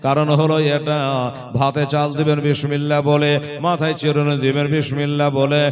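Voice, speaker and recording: A man's voice: on the high side, completely flat delivery, brisk, faint music behind. A man preaching a sermon, half-singing his lines and speaking directly to the women in the crowd. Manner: half-sung melodic preaching, addresses the women listeners directly. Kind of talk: chanted Islamic sermon.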